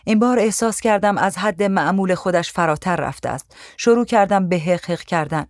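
Measured, somber audiobook narrator. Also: mid-range voice, no room sound, studio quality. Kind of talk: first-person audiobook narration.

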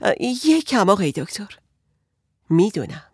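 A woman's voice: mid-range voice, very animated, slightly rough, dry recording, clean studio sound. A woman voicing an anxious married woman who pleads and frets about her husband in an audiobook. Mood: distressed. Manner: agitated, pleading.

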